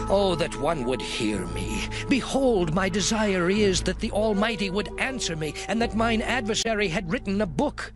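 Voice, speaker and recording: An actor playing Job, a suffering righteous man solemnly protesting his innocence in a dramatized scripture reading. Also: high-pitched. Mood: impassioned, defiant. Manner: solemn, declamatory, earnest. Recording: music bed under voice. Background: music.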